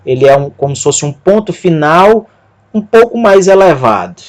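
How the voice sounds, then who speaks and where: A man giving a Greek lesson, spelling out letters one by one and repeating words slowly. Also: fairly high pitch, lively intonation. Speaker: Greek teacher. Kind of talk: slow spoken lesson.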